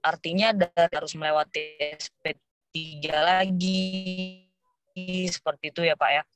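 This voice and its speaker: A woman's voice: sits low, fairly even intonation, no echo, faint music behind. Woman on a choppy, cutting-out call. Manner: halting, slowed and broken speech. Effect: choppy, cutting-out video call audio. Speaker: webinar participant asking a question. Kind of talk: question in an online seminar. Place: travelling, on the road. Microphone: video call.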